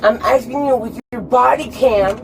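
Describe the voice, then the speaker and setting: A woman's voice: fairly high pitch, moderate pace, gravelly. A drunk woman being arrested, arguing with police in an insistent, repetitive, protesting way. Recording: noisy police body camera audio.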